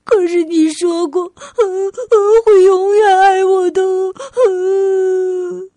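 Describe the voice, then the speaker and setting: A woman voicing a curious little girl who keeps asking whether she is still loved, in a raised, louder child voice. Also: takes it slowly, dry recording. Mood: tearful. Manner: asks questions in a higher, louder child voice.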